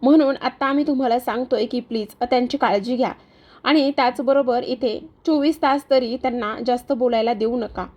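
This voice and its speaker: A woman voicing a calm doctor giving careful instructions in a retold TV serial. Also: fairly high pitch, a little fast, natural voice.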